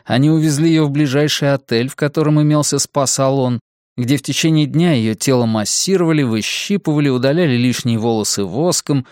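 A man with a mid-range voice narrates an audiobook from a script, keeping his storytelling measured and even. The recording is dry and of studio quality.

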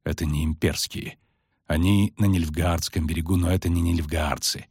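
Cahir, a man doing a grave, low-voiced knight. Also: darkish tone, breathy edge, dry recording, studio quality. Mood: grim. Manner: low, measured, somber. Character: grave, gloomy male knight.

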